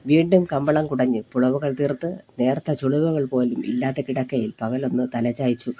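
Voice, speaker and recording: Dark-voiced male storyteller. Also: mid-range voice, steady tone, moderate pace. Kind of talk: scripted story narration.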